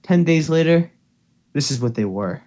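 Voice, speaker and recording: Slightly high and a little mellow, the man's voice has lively intonation at a normal speed. He casually reads fan fiction to his co-host on a voice call, often stumbling and backing up. The home recording is noisy.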